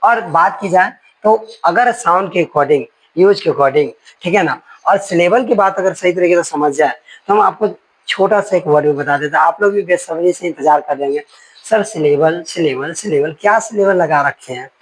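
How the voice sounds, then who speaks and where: Husky-voiced man teaching grammar. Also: high-pitched, moderate pace, poor audio. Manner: explains with folksy analogies and asides, checking in often. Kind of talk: classroom grammar lesson.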